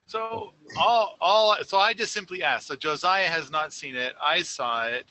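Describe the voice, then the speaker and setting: A man's voice: on the high side, big pitch swings, a little slow, creaky, sharp tone, a little hiss or hum, poor audio. A man co-hosting a casual podcast, rambling through a story with many fillers and restarts. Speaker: podcast co-host. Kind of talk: casual conversation.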